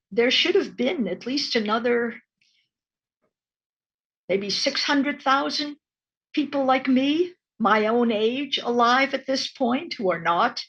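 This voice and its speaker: Slow, breathy woman in her eighties. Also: on the high side, a bit bright, lo-fi sound. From born in Romania, raised in Canada. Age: 80s. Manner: slow, thoughtful, with frequent ums. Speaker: guest, retired professor and author. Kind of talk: interview over video call. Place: home study lined with bookshelves. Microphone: video call.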